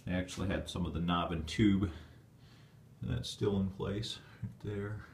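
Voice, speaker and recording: A man's voice: low voice, normal speed, gravelly, a little mellow, slight background noise. A man giving a casual, rambling walkthrough of his old basement as a homeowner, filming on a handheld phone. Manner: rambling, plainspoken, with fillers. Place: dark stone basement, indoors. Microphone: handheld phone camera. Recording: echoey basement room.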